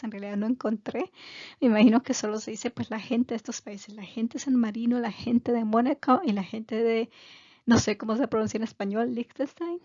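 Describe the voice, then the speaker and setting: Woman, chatty lesson, fairly high voice, dry slightly muffled sound. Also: a little mellow, dry recording. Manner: chatty and digressive, many fillers. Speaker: language teacher. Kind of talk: casual video lesson.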